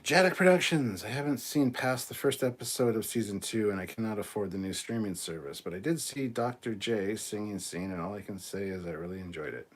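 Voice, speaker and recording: Relaxed husky man chatting on a live stream. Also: on the low side, a little fast, hardly any pauses. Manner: relaxed and chatty, reads comments aloud, trails off softly. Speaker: host of a live fan show. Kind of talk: casual live-stream chat reading viewer comments.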